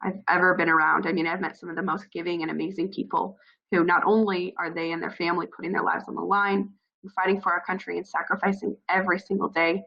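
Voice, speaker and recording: Hoarse from a cold, a woman with a scratchy, froggy voice gives earnest, encouraging advice to new military spouses in an informal talk, using many fillers. Her voice is low, creaky and flat, she speaks fast, and the sound is lo-fi.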